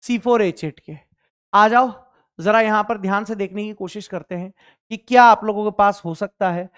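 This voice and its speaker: A chemistry teacher lecturing to students. He repeats every point, asks the class questions and answers them himself, and reads formulas out slowly. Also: high-pitched, fairly bright tone, smooth. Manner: speaks for the student too, addressing himself as sir; slow, deliberate reading of formulas.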